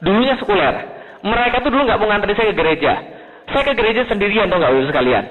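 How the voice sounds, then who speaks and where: A man from Indonesia preaches with a high, quick voice, telling stories and acting out the people in them. He keeps turning to the audience with questions. The recording sounds thin and phone-like, with a long echo from a large hall. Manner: animated storytelling with quoted voices, asks the audience questions. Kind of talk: lively sermon to an audience.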